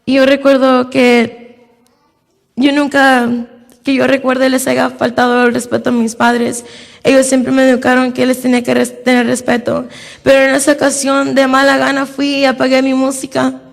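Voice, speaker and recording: High, gravelly woman giving church testimony. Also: monotone, long reverb tail. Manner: slow and halting, with many repeated openings. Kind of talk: personal religious testimony.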